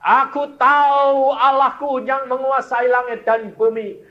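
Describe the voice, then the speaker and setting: Man playing a repentant son, high, pleading and tearful, in a sermon retelling. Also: level tone, measured pace. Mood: fervent. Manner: pleading, crying out. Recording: dull lo-fi recording.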